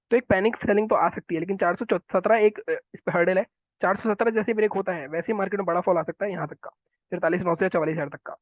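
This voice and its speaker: A man talking viewers through market charts, quick and instructive, often repeating his phrases. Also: sits high, no echo, dull audio. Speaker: stock market analyst. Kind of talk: chart analysis walkthrough.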